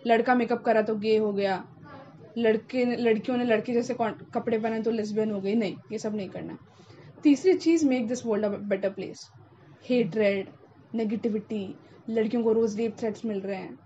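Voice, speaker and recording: Emphatic young woman, dark mellow tone. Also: a little high, steady tone, normal speed. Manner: emphatic, passionate, mixes in English phrases. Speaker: podcast host. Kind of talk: casual interview conversation. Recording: dull lo-fi sound with faint noise.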